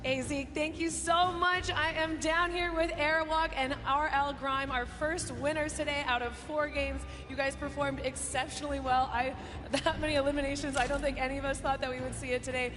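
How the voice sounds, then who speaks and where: A woman's voice: sits high, fairly even intonation, normal speed, music in the background. Upbeat female interviewer in a reverberant arena. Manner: upbeat, friendly questions. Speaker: on-floor interviewer. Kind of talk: post-match interview. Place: large arena floor.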